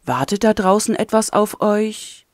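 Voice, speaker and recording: A woman voicing a soft-spoken young female servant who asks quiet questions. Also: medium pitch, lively intonation, a little slow, no room sound, clean studio sound, close to an everyday voice. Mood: curious.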